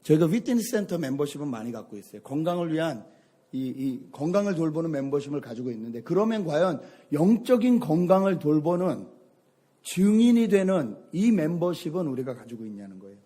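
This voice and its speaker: A middle-aged man, a pastor, preaching a sermon and telling a lively personal story. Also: on the high side, a little fast. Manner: storytelling, animated anecdotes.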